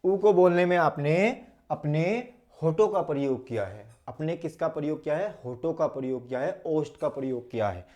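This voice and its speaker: A man teaching an online Hindi lesson, demonstrating each vowel sound slowly and aloud, and asking questions he then answers himself. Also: fairly high pitch, expressive, warm tone. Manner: drills sounds aloud, asks and answers his own questions.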